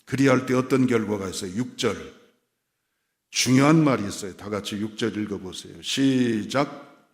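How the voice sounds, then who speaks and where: A male pastor preaching a sermon in a church, moving from quiet asides to emphatic, rising declarations. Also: fairly low pitch, moderate pace. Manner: plays voices of God and congregants with dialect phrases. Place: church sanctuary. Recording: hall reverb from a church sanctuary.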